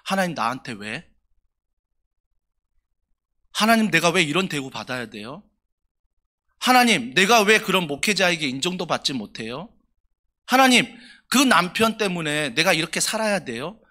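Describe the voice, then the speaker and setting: A man's voice: fairly high pitch, very animated, normal speed, pauses often, bright, forceful tone. A man voicing a grieving young wife who pleads and complains about how she is treated. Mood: complaining. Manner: pleading, aggrieved.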